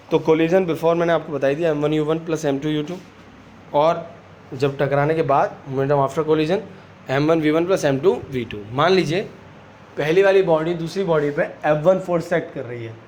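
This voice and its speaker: A man teaching a physics class in a slightly higher voice. He mixes Hindi with English and keeps stopping to ask his students if they've got it. A soft background hum sits under his voice. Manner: asks students quick check questions, calls them beta. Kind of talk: online physics lesson.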